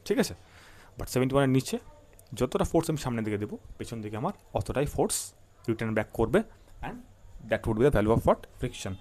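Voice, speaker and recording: A man's voice: mid-range voice, sing-song, fast, darkish tone. A man with a Bengali accent teaching physics. He mixes Bengali and English, asks questions and answers them himself, and keeps checking in with listeners. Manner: repeats key points and checks in with listeners. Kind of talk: classroom-style lecture.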